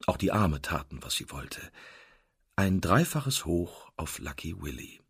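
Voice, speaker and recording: A man narrating a novel in an expressive storytelling manner. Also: low voice, measured pace, vocal fry, breathy edge, no room sound, clean studio sound. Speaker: audiobook narrator. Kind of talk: scripted narration.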